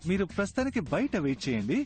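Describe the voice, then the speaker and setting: A man's voice: high-pitched, huge pitch swings, rapid-fire, a little mellow, faint music behind. An actor playing a sly, flirtatious male office assistant in a film. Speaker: interview assistant.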